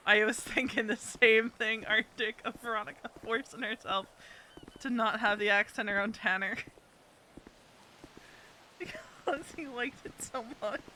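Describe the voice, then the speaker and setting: A woman's voice: on the high side, takes it slowly, pauses often, bright, forceful tone, slight background noise. A woman roleplay streamer chatting casually with her live chat and laughing often between remarks.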